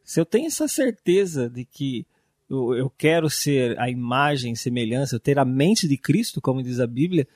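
A man's voice: mid-range voice, lively intonation, moderate pace, darkish tone, dry recording, studio quality. A Brazilian man talking earnestly about faith in a casual chat. He speaks reflectively and often draws out his words around fillers. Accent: Brazilian Portuguese.

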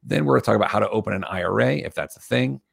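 A man with a hoarse, gravelly voice that is giving out, hosting a casual podcast in a jokey, self-deprecating way. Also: fairly low pitch, very fast, dry recording, clean studio sound. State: losing his voice. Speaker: podcast host.

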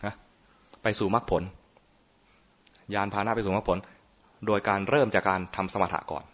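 His voice sits on the low side, steady and fairly bright with a breathy edge, moving at a moderate pace. The Buddhist monk teases and quizzes his listeners in an informal meditation talk, recorded in muffled lo-fi sound.

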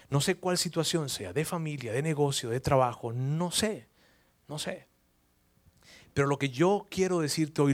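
Male preacher, fervent storyteller, higher-pitched, repeats words for emphasis. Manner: emotional storytelling, repeats words, asks listeners questions. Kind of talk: sermon.

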